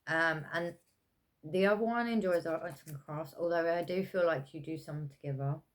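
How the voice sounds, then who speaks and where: A woman giving a casual pick-a-pile tarot reading, talking in a meandering, hesitant way with many fillers, self-corrections and soft laughs. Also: low voice, normal speed. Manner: chatty with frequent soft laughs. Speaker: tarot reader.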